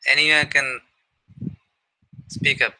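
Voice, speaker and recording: A man's voice: medium pitch, fairly even intonation, slow pace, bright, forceful tone, rough recording. A man leading an online student meeting over a video call, encouraging and full of fillers and restarts. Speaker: meeting leader and mentor.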